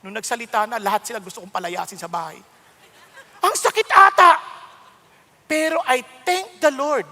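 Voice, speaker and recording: A man in his sixties with a Filipino accent preaching a sermon, mixing Tagalog and English in an emphatic, conversational way with sudden loud outbursts. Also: high-pitched, sing-song, fast talker, few pauses. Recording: long hall reverb.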